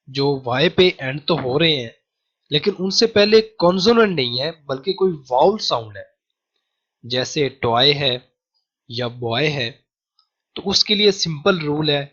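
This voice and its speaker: A man's voice: on the high side, expressive, a bit bright. Patient Urdu-speaking male grammar teacher. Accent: Pakistani Urdu. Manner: patient, repeats key rules slowly. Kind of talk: grammar lecture. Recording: dull lo-fi sound.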